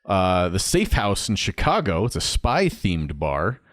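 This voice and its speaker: A man's voice: low voice, sing-song, unhurried, dry recording, studio quality. A man in his thirties co-hosting a podcast, chatting wryly and reading items off a list. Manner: chatty, wry, reads from a list. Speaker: podcast co-host. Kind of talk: casual podcast chat.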